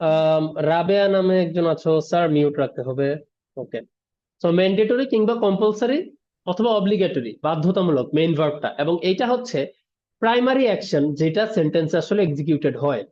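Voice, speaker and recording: In muffled, lo-fi online class audio from a video call, a man with a high, slightly mellow voice explains English word meanings one at a time. He mixes in English terms and asks students "ঠিক আছে?" after every point.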